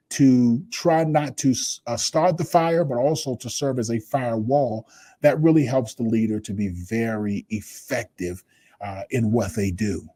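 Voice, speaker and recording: Male leadership coach co-host, mellow dark voice, dry close sound, earnest and metaphor-heavy. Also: mid-range voice, dry recording. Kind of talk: podcast talk.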